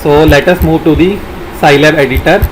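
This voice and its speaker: A man narrating a software tutorial as an instructor, haltingly dictating code and formulas piece by piece. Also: on the high side, steady tone, a little hiss or hum, rough recording.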